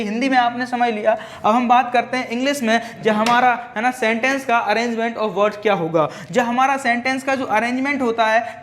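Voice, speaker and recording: A man's voice: extremely high pitch, fairly bright tone. Male teacher quizzing his class. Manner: repeats each point as a question and answers it himself; mixes English grammar terms into the explanation. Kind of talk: classroom lecture.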